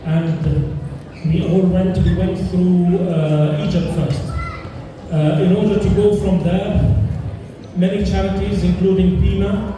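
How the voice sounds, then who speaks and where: A high-voiced man from Palestine speaks earnestly to a dinner crowd, pausing often as he gathers his words. The sound is distant and roomy, with long reverb from a large hall and audible background noise. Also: flat delivery. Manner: earnest, measured delivery with frequent pauses and fillers. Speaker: charity dinner speaker, doctor. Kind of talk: speech at a fundraising dinner. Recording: echoey hall, distant mic, noisy.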